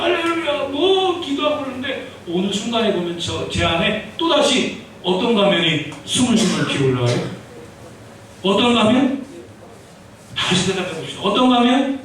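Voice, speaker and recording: A male pastor giving an animated sermon, acting out dialogues and leading the congregation in repeating phrases. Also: extremely high pitch. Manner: animated, acts out dialogues with the Lord, calls for repeat-after-me. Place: church sanctuary. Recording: echoey church hall from far off.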